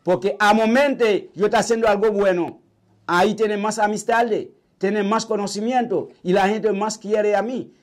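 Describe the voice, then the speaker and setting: An older man with a Haitian accent, a vodou priest telling his story in a halting, repetitive way in an interview. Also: sits high, fairly even intonation. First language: Haitian Creole. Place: small indoor shrine room.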